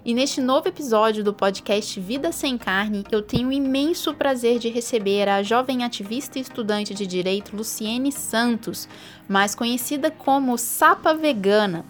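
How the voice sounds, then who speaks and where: A woman's voice: a little high, moderate pace, faint music behind. A woman hosting a podcast interview, talking in a friendly, fluent way with frequent tag questions. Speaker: podcast host.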